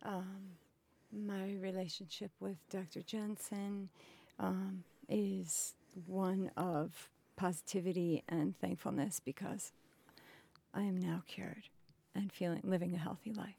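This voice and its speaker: A woman in her fifties, a patient advocate, answering interview questions in a slow, halting way with many pauses and fillers. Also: medium pitch, fairly even intonation, gravelly, dark tone, breathy edge. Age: 50s. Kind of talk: recorded interview. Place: indoors, cultural center.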